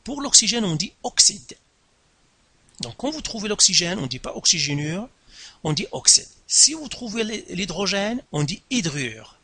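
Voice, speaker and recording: A man teaching a science lesson, speaking slowly and deliberately, repeating and stressing each term with jumps in pitch. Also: sing-song, pushed and bright, slightly rough, no room sound. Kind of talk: classroom lesson explaining at a board.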